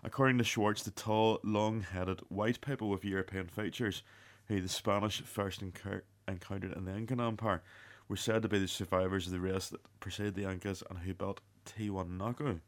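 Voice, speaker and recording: A man reading out scripted narration as a radio show host, in a halting delivery that sometimes stumbles. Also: sits low, steady tone.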